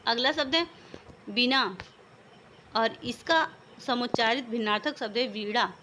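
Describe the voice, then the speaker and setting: A woman's voice: on the high side, unhurried, noisy background. A woman teaching a vocabulary lesson, patiently explaining one word after another.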